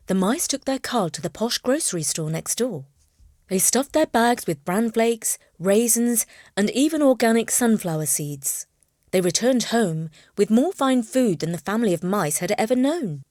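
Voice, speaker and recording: A woman narrating a children's storybook in an expressive, playful reading. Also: medium pitch, no room sound, clean studio sound.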